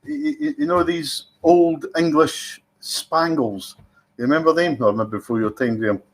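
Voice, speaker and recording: A man's voice: on the high side, sing-song, normal speed, creaky. A Scottish man hosting a whisky tasting, talking in a chatty, teasing way and savouring his descriptions. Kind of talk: casual tasting commentary.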